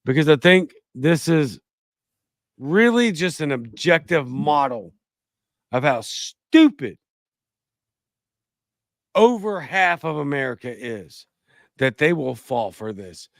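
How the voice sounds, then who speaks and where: A man's voice: on the high side, sing-song, slow, long pauses, no room sound. A man hosting a political talk show, delivering emphatic, ranting commentary into a close mic. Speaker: podcast host.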